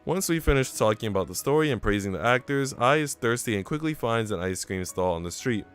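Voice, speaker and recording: Over soft background music, a male game streamer with a medium-pitched, animated voice and clean tone reads a visual novel at a brisk clip. Between narrated passages he drops chatty, casual asides to viewers.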